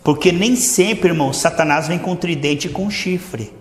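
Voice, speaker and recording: A high-voiced Brazilian pastor preaches with fervor, pushing some words out loud and dropping others to a low murmur. His voice rings through a church hall with a long, echoing reverb. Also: moderate pace, a little hiss or hum. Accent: Brazilian Portuguese. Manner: fervent, swings between loud emphasis and low asides. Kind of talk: sermon.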